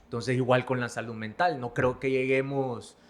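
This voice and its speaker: A man's voice: mid-range voice, steady tone, normal speed. A man hosting a podcast, who talks conversationally and thinks aloud, often tagging his remarks with a questioning "right?". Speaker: podcast host.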